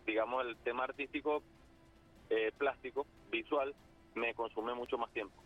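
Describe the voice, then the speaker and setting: Over a muffled phone line with faint music behind, a guest muralist with a Zulian Venezuelan accent is interviewed. His mid-range male voice has fairly even intonation and a moderate pace, and he talks hesitantly, full of fillers.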